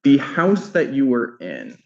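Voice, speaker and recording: Methodical attorney questioning a witness. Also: male voice, medium pitch, wildly swooping pitch, slow pace, creaky, dull audio. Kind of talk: courtroom questioning. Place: courtroom.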